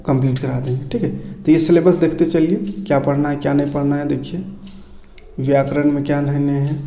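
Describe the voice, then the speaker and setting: Teaching through a relaxed screen-share session, a man goes item by item and keeps checking in with his students through repeated tag questions. He has a mellow, warm tone at a slightly raised pitch. The room is bare, so the recording carries a clear echo.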